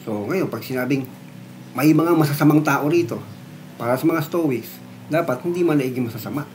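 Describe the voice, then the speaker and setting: A man's voice: fairly high pitch, normal speed, a little mellow, slight background noise. A man explaining philosophy in a casual, conversational way, often checking in with his listeners. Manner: conversational, frequent tag questions and fillers. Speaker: philosophy lecturer.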